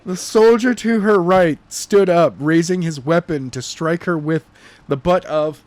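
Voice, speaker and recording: Reading a chapter of a novel as its narrator, this man sounds slightly high and animated but unpolished, as in a homemade audiobook. He trips over phrases and fixes them as he goes, in a recording free of echo.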